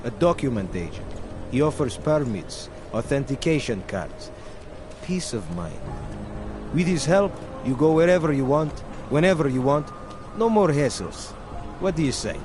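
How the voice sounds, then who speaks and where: An actor playing a corrupt, officious checkpoint policeman in a video game, with a deadpan, threatening manner. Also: medium pitch, normal speed, over music, lightly acted. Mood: slick, coaxing. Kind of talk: video game character dialogue. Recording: noisy outdoor urban street with vehicles.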